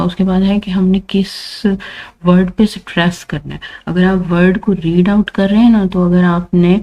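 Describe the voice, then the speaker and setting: A woman's voice: fairly low pitch, mellow, poor audio. A woman teaching English pronunciation rules, patiently repeating points and checking in with learners. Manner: patient, repeats points with frequent "thik hai" check-ins.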